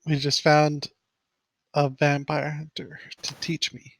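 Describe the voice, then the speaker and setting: A man's voice: on the high side, level tone, takes it slowly, gravelly, no echo. A man chatting casually as a player in a tabletop game. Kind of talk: casual chat.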